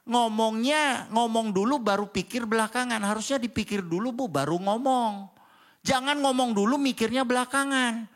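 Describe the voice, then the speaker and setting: A man preaching a Sunday sermon in a church, swinging between loud exclamations and low chuckling asides. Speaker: pastor. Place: church hall.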